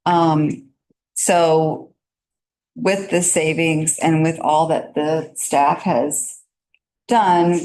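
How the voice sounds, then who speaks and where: Woman, town manager, low voice, hesitant council report. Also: dark tone, slight background noise. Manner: hesitant, many fillers.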